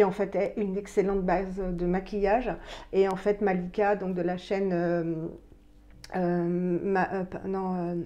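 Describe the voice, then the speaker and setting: Here a woman in her fifties talks her way through a skincare product review in a relaxed vlogger style, stumbling into fillers and starting over often. Her voice sits in the mid-range and sounds mellow.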